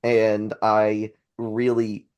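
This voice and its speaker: Earnest, effusive man with a low voice. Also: monotone, drawn-out words, a little mellow, clear, resonant tone, dull audio. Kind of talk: casual music discussion.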